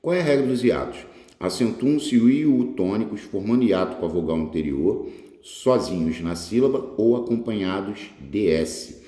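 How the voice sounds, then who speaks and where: This Brazilian exam prep teacher has a fairly low, mellow, expressive voice at a normal pace. He goes over test answers informally, stretching out words and checking in with quick questions, recorded in an echoey room with long reverb.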